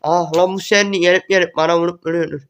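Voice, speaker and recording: A young man giving excited gameplay commentary, repeating words in quick bursts as the match unfolds. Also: high-pitched. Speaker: gaming YouTuber.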